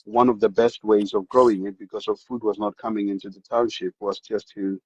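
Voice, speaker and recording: Speaking a little fast in a low voice with a breathy edge, a man with a South African accent appears on a lo-fi recording without room sound. He's a podcast guest in casual interview chat, telling lively stories of his upbringing with frequent repeats and restarts.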